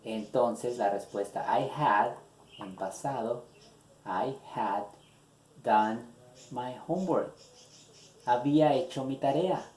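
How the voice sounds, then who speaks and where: A man teaching an English grammar lesson in Spanish, slowly repeating example questions and their translations. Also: medium pitch, darkish tone. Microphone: phone. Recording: echoey room on a phone.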